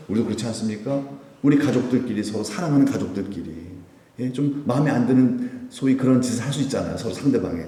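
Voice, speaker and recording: A male pastor preaches in a lively, conversational way, his pitch rising and falling as he asks the congregation questions and answers them himself. His voice is mellow and warm. He sounds set back from the microphone, with a long church-hall echo around him. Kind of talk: sermon. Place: church sanctuary. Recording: echoey church hall, mic at a distance.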